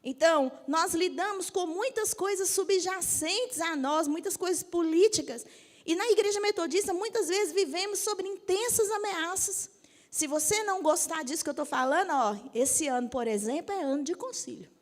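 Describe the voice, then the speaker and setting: A woman's voice: very high voice, normal speed. A woman in her fifties, a Methodist bishop, preaching directly and often asking the audience if they agree. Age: 50s. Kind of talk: sermon. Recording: long hall reverb.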